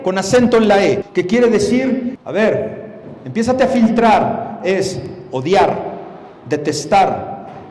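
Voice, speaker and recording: A man's voice: high voice, darkish tone. A man preaching a sermon, emphatic and speaking straight to his listeners with rhetorical questions. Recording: echoey hall.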